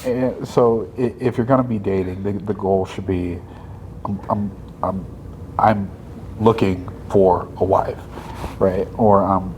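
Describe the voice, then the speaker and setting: Low-voiced man in his thirties. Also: steady tone, slow, a little mellow, a little hiss or hum, low-quality recording. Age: 30s. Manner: thinks aloud, checks in with "right?". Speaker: podcast co-host. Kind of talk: casual faith podcast chat.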